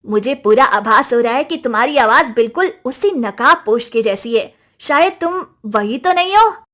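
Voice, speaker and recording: An actress playing a brave young village sister who speaks eagerly and pleads for justice. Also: female voice, fairly high pitch, animated, normal speed, fairly bright tone. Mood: determined.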